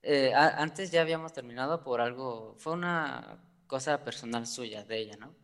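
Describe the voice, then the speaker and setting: A man's voice: mid-range voice, moderate pace, vocal fry, fairly bright tone. A man who is a guest on a talk show, speaking about his feelings hesitantly, with many fillers and nervous laughs. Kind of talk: conversational personal talk. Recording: long reverb.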